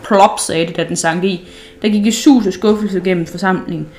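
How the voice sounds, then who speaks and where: A woman reading a children's book aloud, gentle and unhurried, with small slips and restarts. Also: on the low side. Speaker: storyteller.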